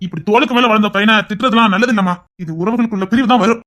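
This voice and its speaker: Blunt family elder acted by a woman, Tirunelveli Tamil accent, bright, fast delivery. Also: a little high, lightly acted. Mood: indignant.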